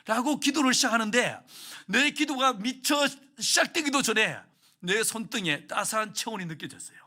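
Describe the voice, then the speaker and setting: A man's voice: very high voice, lively intonation, normal speed, sharp tone. A male pastor giving a sermon, telling a story with feeling and putting questions to the congregation. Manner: emotional storytelling that acts out prayers and asks the congregation questions.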